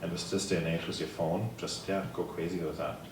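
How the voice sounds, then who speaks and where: In a conference room, a table tennis program leader from Germany presents with a German accent, sharing upbeat, casual stories and taking questions. His voice sits low, with flat delivery at a brisk pace. The audio is noisy and echoey, picked up from far off.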